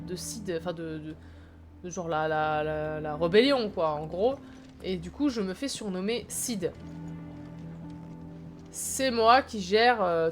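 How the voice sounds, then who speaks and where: A young woman from France giving chatty, rambling, playful commentary while streaming a game. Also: medium pitch. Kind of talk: casual gameplay commentary. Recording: stream with game music behind.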